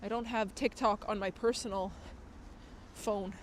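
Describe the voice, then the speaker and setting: A woman with a mid-range voice live-streams outdoors on city streets at night, reading viewer comments in a chatty, unhurried way and laughing often. Her tone stays steady, though she sounds a bit nasal as she recovers from a cold. There's a little hiss or hum in the recording.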